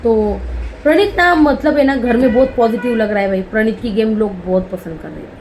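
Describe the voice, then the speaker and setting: A woman giving a casual, chatty recap of a reality show episode, peppered with fillers and quick quotes of the contestants. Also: a little high, a little mellow, a little hiss or hum, rough recording. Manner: chatty, lots of "bhai" and "hmm" fillers.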